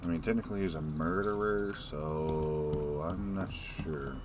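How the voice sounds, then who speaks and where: A man's voice: a bass voice, unhurried, over loud music. A man giving casual gameplay commentary, musing to himself in a wry way as he plays. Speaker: gamer narrating playthrough.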